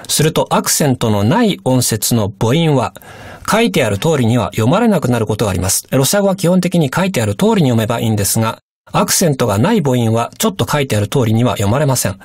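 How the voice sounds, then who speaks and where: A male teacher explains patiently and politely for a radio language lesson. His pitch moves in a lively, animated way. The sound is dry and close. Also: slightly rough, no room sound.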